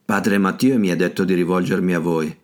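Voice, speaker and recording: Man voicing a polite young man, curious, courteous, slightly raised pitch, audiobook. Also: fairly even intonation, brisk, a little mellow, lightly acted.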